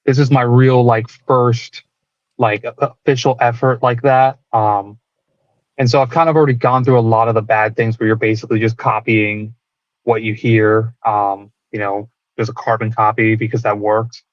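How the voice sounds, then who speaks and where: A man's voice: medium pitch, flat delivery, moderate pace, no echo, highs cut off. A man who plays guitar in a band, talking casually and reflectively about music in a rambling way. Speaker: band guitarist being interviewed.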